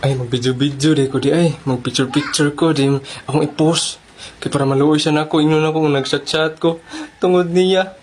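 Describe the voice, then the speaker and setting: A speaker with a Cebuano accent, playing several roles in a comedy skit with quick banter. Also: mid-range voice, fairly even intonation, a little mellow, a little hiss or hum.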